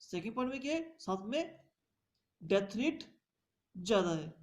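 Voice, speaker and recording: A woman's voice: mid-range voice, big pitch swings, measured pace. A woman teaching a revision lecture, reading points out in English and explaining them in Hindi.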